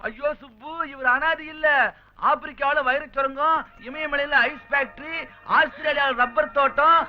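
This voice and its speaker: An actor playing a scheming rich landlord who brags about riches and talks smoothly. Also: male voice, extremely high pitch, fairly even intonation, moderate pace. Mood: boastful. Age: middle-aged. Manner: boastful, smooth-talking. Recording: dull lo-fi film audio with score.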